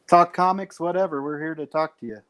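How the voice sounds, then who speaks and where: A man's voice: on the high side, brisk, a bit bright, smooth. A man from Mexico, a comic creator guest, chatting in an easygoing, friendly way. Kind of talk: casual podcast chat.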